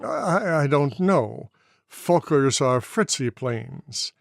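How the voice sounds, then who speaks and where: A man's voice: medium pitch, animated, slow pace, creaky, dry recording, studio quality. A man doing Cassidy, a stammering lost pilot. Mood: unsure. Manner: hesitant, stammering. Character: confused young male wartime pilot, hesitant.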